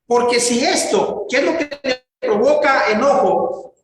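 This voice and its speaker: Preacher in a booming echoey hall. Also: male voice, soft background music. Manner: fervent preaching that builds to raised, drawn-out exclamations. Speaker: pastor. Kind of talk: sermon.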